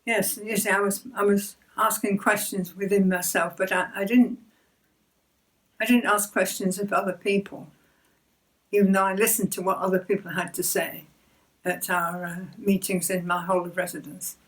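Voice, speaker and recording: A woman's voice: mid-range voice, flat delivery, normal speed. Older woman sharing her faith, distant mic. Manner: hesitant, gentle, repeats words, soft laughs. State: emotional near the end. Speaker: church member sharing testimony. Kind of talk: personal faith testimony.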